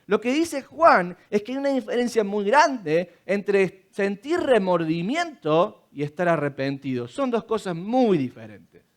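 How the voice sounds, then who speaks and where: A man with a high voice preaching a church sermon. He pushes his points hard, asks his listeners rhetorical questions and acts out little quotes along the way. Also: very animated, a little slow. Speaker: pastor.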